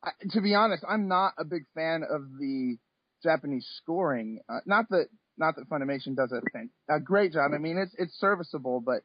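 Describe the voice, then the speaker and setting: A man in his thirties, a comic and anime artist, speaks casually as an interview guest, hesitant and rambling. His voice is a little high, expressive and a little fast, with no echo. He's on a remote call from home, and the call audio sounds slightly dull and lo-fi.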